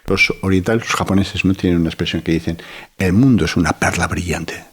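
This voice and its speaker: Deep husky-voiced man. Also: fairly quick. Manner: reflective, many "¿no?" tags and restarts. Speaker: psychiatrist guest. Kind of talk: calm explanatory interview talk.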